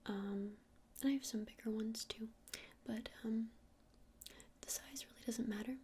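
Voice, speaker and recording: A woman plays a gentle witch shopkeeper showing crystals to a customer in an ASMR roleplay. Her breathy whisper sits on the high side, steady and even with little rise or fall, a little slow and close to an everyday voice. She explains things in a soothing, hesitant, unhurried way over a faint layer of background noise.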